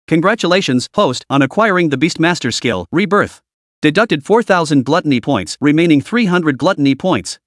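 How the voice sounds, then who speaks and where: A man's voice: fairly high pitch, moderate pace, no echo, clean studio sound, close to an everyday voice. A man voicing a game-like system interface that announces rewards and lists prices in a storybook recap. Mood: announcing. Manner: flat announcing, listing prices.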